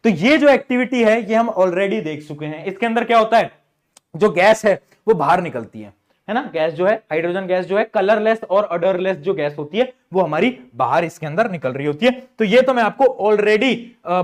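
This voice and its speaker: A man teaching an online class, chatty, repeating phrases and mixing English terms into his talk. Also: high-pitched.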